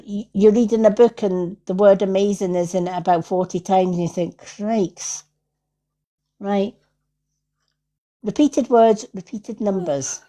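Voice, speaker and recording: Hosting her own livestream, a Scottish psychic medium gives casual spiritual readings in a warm voice of medium pitch. She affirms her listeners, says things more than once, and often adds "right?" to check in.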